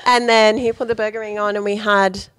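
Young woman, chatty storyteller, mid pitch, dry close sound. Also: little pitch movement, a little fast, fairly bright tone, no room sound. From Australia. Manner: chatty storyteller, many likes and laughs. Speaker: guest. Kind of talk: casual chat.

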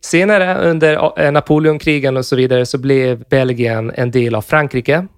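A man co-hosting a podcast, explaining history in a relaxed, chatty way and swearing now and then. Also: mid-range voice, clear, resonant tone, no echo, studio quality. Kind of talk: casual podcast chat.

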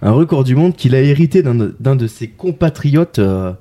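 A man hosts a casual podcast, introducing his guests with playful puns and wordplay in a relaxed chat. His medium-pitched voice is animated and mellow, moving at a moderate pace.

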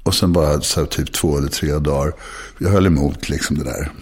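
A man in his sixties talking frankly and confessionally, halting often and restarting his sentences. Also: extremely low pitch, fairly even intonation, breathy edge. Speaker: guest. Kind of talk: candid personal conversation.

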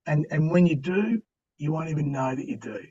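A man's voice: on the high side, lively intonation, fairly quick, warm tone, recorded from a distance, lo-fi sound. A middle-aged Australian man chatting as a podcast guest, telling stories and giving encouragement in an emphatic, slangy, blokey way. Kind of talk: animated interview storytelling and motivational chat.

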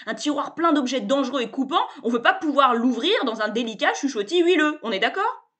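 A woman voicing a brash, over-familiar male salesman who makes a loud, gushing pitch in a storybook reading. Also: lively intonation, a little fast. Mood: triumphant. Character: brash pushy male salesman, fast-talking schemer.

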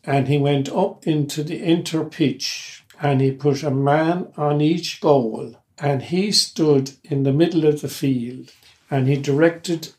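Slow-speaking older Kilkenny man. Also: a little high, darkish tone. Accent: Irish, Kilkenny. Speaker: interviewee.

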